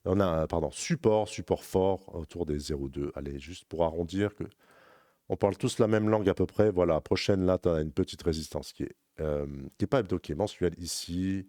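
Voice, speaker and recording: A man talking rapidly and informally as a crypto trading analyst, walking the viewer through charts in a rambling, self-correcting way. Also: sits low, dark tone, dry recording, clean studio sound. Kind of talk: casual chart walkthrough addressing viewer as tu.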